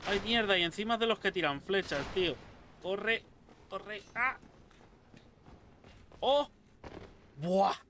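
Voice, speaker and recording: A young man runs casual gameplay commentary, swearing freely and heckling the enemies he meets. His voice sits a little high and sounds bright and forceful. A faint background hiss runs under the desk-mic recording. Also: normal speed. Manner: excitable, swears a lot, talks to enemies. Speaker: gameplay streamer. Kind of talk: casual let's-play commentary.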